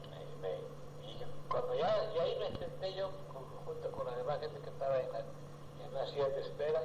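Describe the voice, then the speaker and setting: An older man from El Salvador, recounting his life in a rambling, halting way and acting out dialogue. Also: mid-range voice. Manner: rambling, halting with many restarts, acts out dialogue. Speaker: interviewee. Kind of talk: oral history storytelling. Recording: roomy with noticeable background noise.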